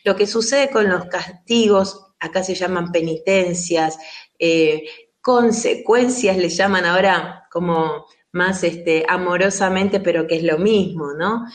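A woman's voice: lowish voice, a little slow. A woman with a Rioplatense Spanish accent, an interview guest speaking earnestly and explaining at length in a conversational way. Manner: earnest, explanatory, acts out quoted voices. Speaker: guest speaking on child rearing.

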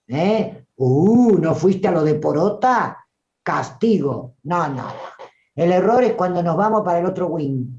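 Rioplatense-accented spiritual teacher, preachy and emphatic, mid-pitched, muffled lo-fi recording. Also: darkish tone. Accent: Rioplatense Spanish. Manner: emphatic, preachy, full of rhetorical questions. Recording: dull lo-fi recording.

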